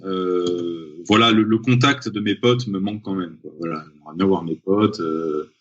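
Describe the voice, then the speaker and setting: A young man from Paris with a deep, husky voice talks hesitantly in a relaxed interview, circling back over his words and filling pauses. The sound is dull and lo-fi, like a remote call. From Paris, France. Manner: hesitant, many fillers and restarts. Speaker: guest, freediving champion. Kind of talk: casual interview talk.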